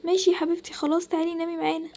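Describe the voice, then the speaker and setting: A woman's voice: very high-pitched, flat delivery, very fast, a little mellow. A woman with an Egyptian Arabic accent voicing a caring, patient mother of two girls, talking in a soothing, motherly way. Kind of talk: storytelling with a toy game.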